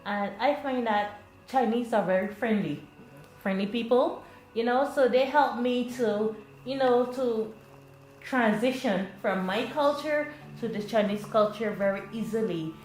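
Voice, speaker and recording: A woman's voice: a little high, a little slow, darkish tone, faint music behind. Chatty woman from Barbados in an echoey room. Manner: chatty, encouraging, laughs often. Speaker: teacher. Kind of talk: classroom discussion.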